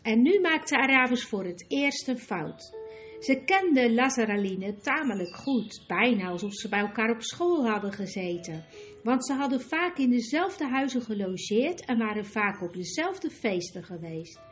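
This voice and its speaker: A woman narrating a children's fantasy story in a measured, expressive way. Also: on the high side, faint music behind. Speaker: audiobook narrator.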